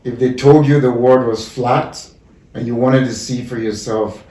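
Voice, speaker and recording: A man's voice: medium pitch, fairly even intonation, a little slow, warm tone. A man from Cameroon hosting a podcast, enthusiastic and affirming, often answering with "yeah". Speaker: podcast host. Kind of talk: casual podcast interview. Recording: roomy, distant mic.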